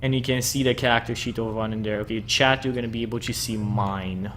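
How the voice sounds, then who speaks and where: A man's voice: mid-range voice, fairly even intonation, a bit bright, a little hiss or hum. A man hosting a tabletop game stream, chatting casually with his players and joking and laughing as he talks. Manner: laughing, joking, quick asides. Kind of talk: casual chat among players.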